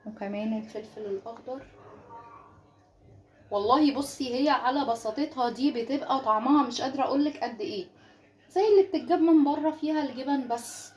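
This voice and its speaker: A woman's voice: high-pitched, a little fast. A woman with an Egyptian accent hosting a casual home cooking tutorial, chatty and coaxing as she talks her viewers through each step in her kitchen. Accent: Egyptian Arabic. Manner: chatty and warmly coaxing, addresses viewers as ladies. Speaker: home cooking channel host.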